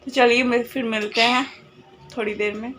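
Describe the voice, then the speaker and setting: Woman, bright and high, lively home chat, faint background noise. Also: moderate pace, soft background music. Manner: lively, teasing the child. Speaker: family member on camera. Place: family home indoors.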